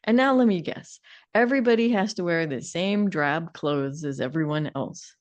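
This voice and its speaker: A woman co-hosting a podcast speaks at normal speed in a lowish voice. The discussion is casual, conversational, and informal, with a sardonic, opinionated edge.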